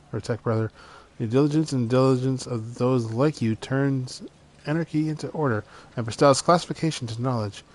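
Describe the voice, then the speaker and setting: A man's voice: mid-range voice, darkish tone. A man playing a video game, reading its dialogue aloud and often stumbling over the words between casual comments. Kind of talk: let's play commentary. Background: game music.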